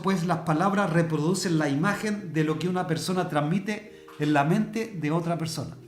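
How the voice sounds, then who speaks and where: Preacher, man, talks to his class plainly with everyday examples, roomy hall sound. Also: a little high. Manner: conversational, explains with everyday examples. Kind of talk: church discipleship teaching. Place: church hall.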